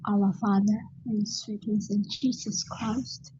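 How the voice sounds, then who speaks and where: A woman praying in a slow, reverent, hushed manner over a video call. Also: medium pitch, flat delivery, slightly rough, dry recording. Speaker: prayer participant. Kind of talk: spoken prayer. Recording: dull, dry video call audio.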